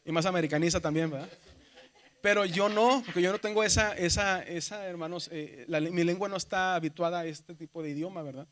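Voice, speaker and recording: Speaking a little fast in a high, somewhat bright voice, a man from Mexico lectures to a seminary class in a Mexican Spanish accent. He breaks the material into steps, repeatedly tosses in "¿verdad?", and refers to his students as "hermanos."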